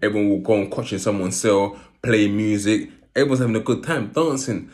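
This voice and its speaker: A man's voice: on the low side, brisk, darkish tone. A man with an urban London accent and roadman street slang delivery, telling personal stories casually and repeating phrases for emphasis. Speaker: vlogger. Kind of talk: casual personal storytelling to camera.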